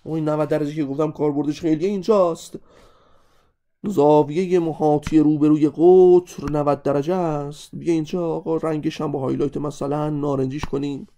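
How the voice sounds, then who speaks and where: Male math teacher doing exam review, slightly high voice, mellow and chatty. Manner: animated, keeps addressing students directly.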